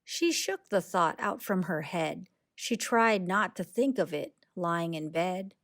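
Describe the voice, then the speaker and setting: A rhyming children's picture book gets a deliberate, expressive read-aloud from a woman with a lowish voice.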